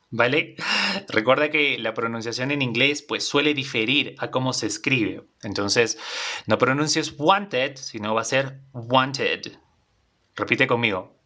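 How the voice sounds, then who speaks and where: A man's voice: medium pitch, sharp tone. A man teaching an English class in Spanish, patient and repetitive, often checking in with his students. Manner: patient, repeats phrases, checks in with "¿vale?".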